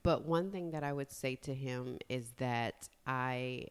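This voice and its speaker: A woman of forty in casual chat as a podcast host, speaking in an expressive, effusive way. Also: extremely low pitch, slow, clear, resonant tone. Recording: long hollow reverb.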